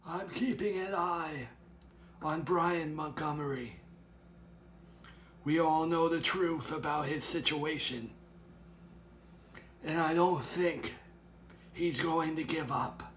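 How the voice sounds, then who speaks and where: A man voicing a stern older grandmother who speaks in a measured, grave and threatening way, in an amateur drama. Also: fairly high pitch, fairly bright tone, slight background noise. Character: stern protective grandmother, older woman, menacing resolve.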